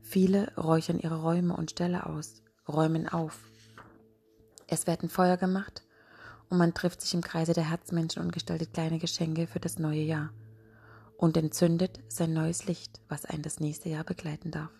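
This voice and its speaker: A woman podcast host in soft, guided-relaxation narration, hushed and breathy, speaking intimately as if right by your ear. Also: low voice, little pitch movement, moderate pace. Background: music.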